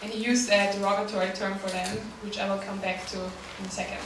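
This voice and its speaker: This young woman talks fast in a mid-range, flat voice, presenting a short prepared talk as a staff writer; she has an Austrian accent and German is her native tongue. Earnest and full of ums, she also laughs lightly. Background noise fills the echoey room, and her voice comes from afar.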